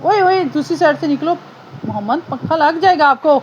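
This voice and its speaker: A woman's voice: sits high, expressive, moderate pace, muffled recording, a little hiss or hum. A Pakistani woman, a mother at home, coaxing her small child in affectionate, repetitive baby talk. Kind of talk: casual home vlog talking to her toddler. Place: indoors at home, fan running.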